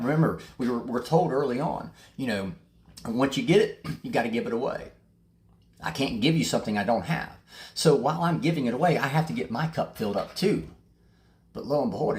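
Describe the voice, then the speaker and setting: A recovery meeting host speaking candidly to viewers, blunt and passionate, swearing freely and restarting sentences often. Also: mid-range voice. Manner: rambling with repeated restarts. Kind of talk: candid recovery talk to camera.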